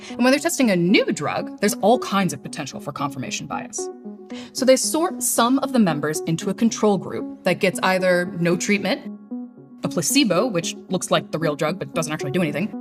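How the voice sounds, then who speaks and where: A woman appearing as a guest on an educational show, explaining science in a bubbly, enthusiastic way. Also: mid-range voice. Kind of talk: scripted educational dialogue.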